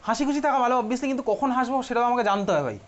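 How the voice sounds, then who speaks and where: Bengali-accented male teacher, rapid and chatty, quizzing the class, dull lo-fi room recording. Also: very high voice, lively intonation. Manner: quick, chatty, teasing students and asking questions. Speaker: chemistry teacher. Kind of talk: classroom lecture.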